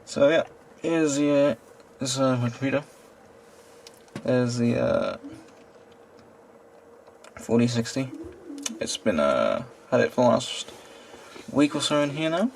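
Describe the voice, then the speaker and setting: Man with a gravelly voice, rambling casually. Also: mid-range voice, sing-song, unhurried, pauses often, a little mellow, a little hiss or hum. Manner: hesitant, lots of ums and trailing off. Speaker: tech vlogger. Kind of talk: casual chat while showing his computer.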